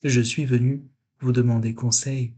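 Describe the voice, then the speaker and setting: A man voicing a tiny, timid and polite little man in a storybook, raising his voice to sound small and high. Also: flat delivery, normal speed, warm tone, close to an everyday voice.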